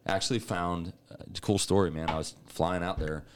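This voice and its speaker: Very deep-voiced man telling stories. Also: a little fast. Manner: animated storyteller, laughs often. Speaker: podcast co-host. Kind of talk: casual chat.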